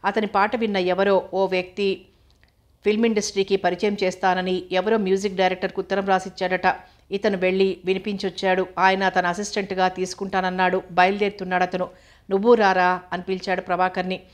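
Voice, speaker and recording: A woman reading a novel aloud in a steady, even voice. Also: mid-range voice, fairly quick. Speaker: audiobook narrator.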